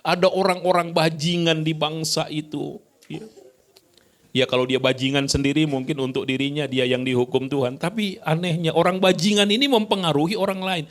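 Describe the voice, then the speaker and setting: A man's voice: on the high side, fairly even intonation, moderate pace. A male pastor preaching a sermon in a church, talking in a conversational way and often addressing the congregation directly.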